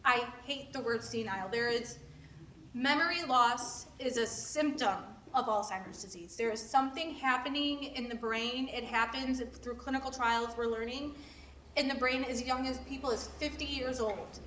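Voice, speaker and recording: Representing a clinical trial company, a woman explains things to a group in an earnest, informal presentation. Her voice is a little high and fairly bright, at normal speed, recorded from a distant mic in an echoey room with background noise.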